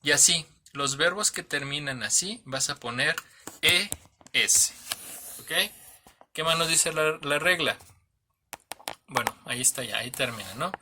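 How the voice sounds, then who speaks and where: Bright-voiced man teaching grammar. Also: fairly high pitch. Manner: patient, checks in often with "¿sale?" and "¿ok?"; spells out letters slowly, restarts and corrects himself. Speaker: English teacher. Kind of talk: online grammar lesson.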